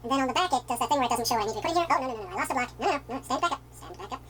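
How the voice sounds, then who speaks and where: A man putting on a voice for an excitable, fussy male showman who theatrically scolds his building pieces. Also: very high-pitched, racing, slight background noise, voice pushed up, exaggerated voice. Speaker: vlogger.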